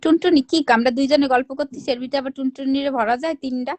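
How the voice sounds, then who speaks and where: Loud teasing woman on a dry phone mic. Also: high-pitched, fairly even intonation, quick pace, no room sound. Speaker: live stream host. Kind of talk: casual live chat.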